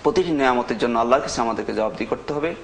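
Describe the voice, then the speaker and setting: A man with a Bangladeshi Bengali accent teaching a Quran recitation lesson, patiently quizzing his students and chanting verses slowly. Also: medium pitch, slight background noise.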